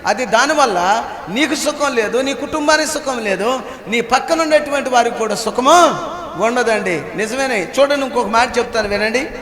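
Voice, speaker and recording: A very high-pitched male pastor delivering a sermon. He poses questions to the congregation, answers them himself and hammers phrases home through repetition. His voice rings through a hall with a long, echoing reverb. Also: normal speed, fairly bright tone.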